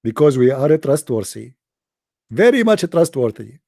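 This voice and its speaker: A man's voice: mid-range voice, very animated, moderate pace, gravelly, warm tone, no echo. Sarcastic Arabic-accented man, dry close sound. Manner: sarcastic, mocking. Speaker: religious debater. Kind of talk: online debate talk.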